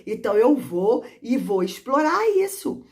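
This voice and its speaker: A woman's voice: a little high, big pitch swings, unhurried, a little mellow. A woman literacy teacher giving practical tips to other teachers, acting out classroom prompts as she explains. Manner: demonstrative, sings and acts out classroom prompts; addresses listeners as "gente".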